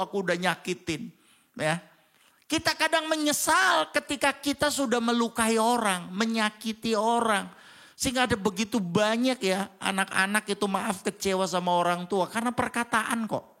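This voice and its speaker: A man preaching a Sunday sermon in a church, swinging between loud exclamations and low chuckling asides. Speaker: pastor. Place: church hall.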